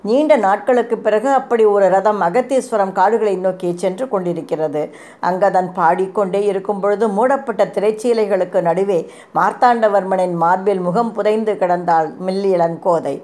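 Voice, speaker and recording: A woman reading a historical novel aloud in a measured, expressive storytelling voice. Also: mid-range voice. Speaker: narrator.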